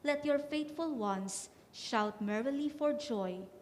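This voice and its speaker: A woman's voice: high-pitched, slow pace, a little mellow. A woman solemnly reading scripture and psalm as lector in a reverberant church. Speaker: lector at Mass. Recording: echoey church, clear background noise.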